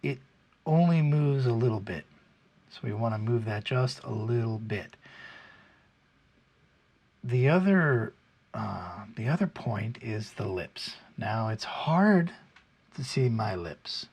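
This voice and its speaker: Slow, gravelly American man teaching pronunciation. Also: mid-range voice, lively intonation, darkish tone. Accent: standard American. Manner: halting, patient step-by-step explaining. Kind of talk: informal instructional video, demonstrating English sounds.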